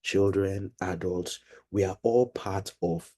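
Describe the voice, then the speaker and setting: A middle-aged man leading an online money seminar for children, explaining patiently and slowly over a video call. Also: deep voice, animated, creaky, warm tone. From Nigeria. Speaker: financial literacy seminar leader.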